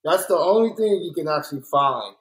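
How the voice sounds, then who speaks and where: Candid man telling his story, slightly high voice. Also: a little fast, poor audio. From Los Angeles. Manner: candid, storytelling, animated when quoting others. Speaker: artist guest. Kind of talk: casual interview talk. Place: art workspace.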